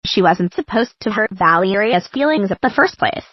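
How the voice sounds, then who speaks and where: A female text-to-speech voice playing a stern mother scolding her daughter in an animated video. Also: medium pitch, normal speed, breathy edge, dry recording, highs cut off.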